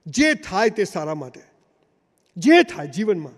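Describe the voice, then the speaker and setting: A man's voice: high voice, very animated, measured pace. A man giving a motivational speech to a live audience, telling stories with acted dialogue and rising to emphatic calls. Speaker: motivational speaker. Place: large hall, before a seated audience. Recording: long hall reverb.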